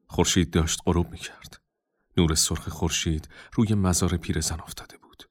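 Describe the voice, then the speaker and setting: A man narrating a storybook in a calm, measured reading. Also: low-pitched, no echo, clean studio sound.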